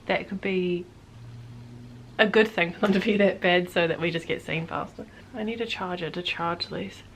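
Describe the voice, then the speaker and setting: A young woman, chatting casually to camera in a home vlog, rambling as she thinks out loud. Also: on the low side, fairly even intonation, normal speed, slight background noise, low-quality recording. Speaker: vlogger.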